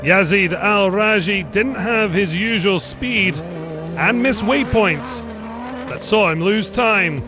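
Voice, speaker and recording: A man giving scripted sports narration as a voice-over, with measured, clear delivery. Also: sits high. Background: music.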